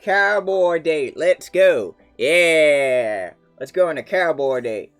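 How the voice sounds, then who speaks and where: A man's voice: fairly high pitch, lively intonation, takes it slowly, soft background music. A man putting on the voice of a flirty cowboy with a folksy, playful drawl.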